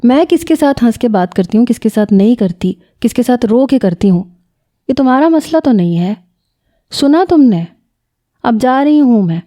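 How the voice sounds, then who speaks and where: A woman reading the part of a feisty, sharp-tongued young female student in an audio novel. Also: on the high side, animated, voice pushed up, close to an everyday voice. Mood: defiant.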